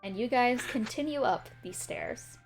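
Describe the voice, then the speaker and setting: A playful woman game master narrates a tabletop game. Her voice sits a little high and swings animatedly in pitch, with a teasing edge. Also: expressive, unhurried, loud music behind the voice, rough recording.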